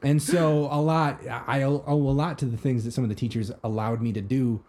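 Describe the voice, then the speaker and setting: A man's voice: mid-range voice, flat delivery, brisk, a little mellow. Earnest reflective man, faint hiss behind. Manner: reflective, earnest, with many fillers. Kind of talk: casual chat.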